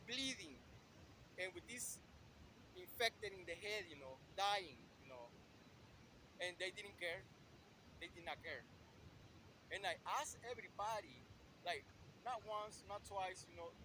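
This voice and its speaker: Man venting over street noise. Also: high-pitched. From El Salvador. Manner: rambling, repeats "you know" constantly. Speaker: vlogger. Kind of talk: impassioned street monologue. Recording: noisy street with passing traffic.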